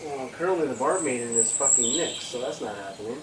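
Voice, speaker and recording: A man's voice: mid-range voice, animated, brisk. A man narrating as game master of a tabletop game, casual and teasing. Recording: echoey room, far from mic, noisy background.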